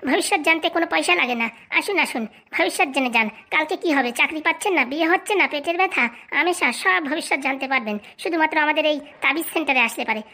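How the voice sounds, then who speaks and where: Cartoon swindler guru, male, bossy and scolding, very high and rapid, as a woman plays him. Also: lively intonation, sharp tone, exaggerated voice. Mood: scheming. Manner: bossy, fast-talking, scolding. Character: scheming young male con man posing as holy fortune-teller. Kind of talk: comic cartoon voice acting.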